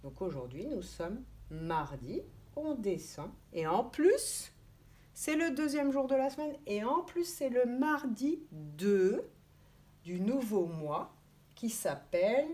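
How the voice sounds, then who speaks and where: A woman preschool teacher teaching young children, speaking slowly and clearly as she sounds out letters and gives gentle instructions. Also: mid-range voice, sing-song.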